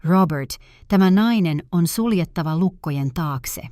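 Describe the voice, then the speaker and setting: A contemptuous daughter-in-law scolds in a low, plain voice, as a woman narrator reads her lines. The sound is dry and close, in a storybook telling with little change from the narrator's own voice. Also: expressive, dark tone, no room sound, close to an everyday voice. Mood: scornful. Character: scornful, bullying young daughter-in-law.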